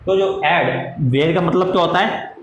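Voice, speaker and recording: A man teaching a class, dictating notes slowly, repeating phrases and answering his own questions in a lower voice. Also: dull audio. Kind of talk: classroom lecture. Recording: echoey room with faint noise.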